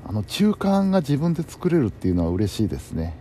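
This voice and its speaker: A man hosting a bedtime talk show chats casually on his own, musing to himself in a polite, conversational way. His mellow, mid-range voice moves at a quick pace with huge pitch swings, and there's faint background noise.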